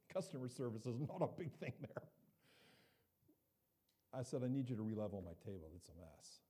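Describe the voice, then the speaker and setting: A man's voice: medium pitch, sing-song, normal speed, dark tone, breathy edge. A middle-aged man preaching a sermon in a conversational, humorous way, acting out the people in his stories. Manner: conversational, humorous, acts out quoted voices. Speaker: pastor. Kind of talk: sermon with personal storytelling.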